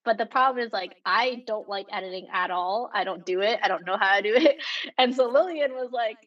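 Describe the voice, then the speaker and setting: A young woman from Canada, co-host of a podcast, chatting in a relaxed, talkative way with many fillers. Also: mid-range voice, a little fast, far from the mic, dull audio. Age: young adult. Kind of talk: casual chat.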